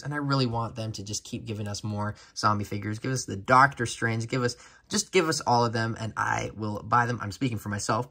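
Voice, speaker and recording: Bright-voiced, upbeat toy-reviewing man. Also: medium pitch. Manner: chatty and enthusiastic, frequent "uh" fillers. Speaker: action figure reviewer. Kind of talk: casual toy review vlog.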